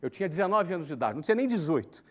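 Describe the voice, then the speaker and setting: With a slightly high voice and a very fast pace, a man in his forties gives a recorded, conversational talk online. He often checks in using tag questions and lists his points emphatically in a lively rhythm.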